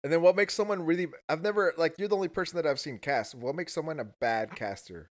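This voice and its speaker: A man's voice: on the high side, fast. Casting note: male interviewer, casual and blunt, teasing.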